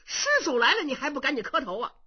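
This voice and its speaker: A woman storyteller voicing a gullible, slow-witted young male monk who speaks meekly and coaxingly. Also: high voice, expressive, dull audio, voice pushed up. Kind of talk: traditional Chinese storytelling.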